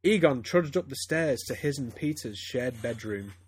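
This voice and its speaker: A man's voice: medium pitch, animated, normal speed, breathy edge. A man reading fan fiction aloud to friends, stumbling and breaking into laughter as he goes. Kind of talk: casual comedic reading aloud.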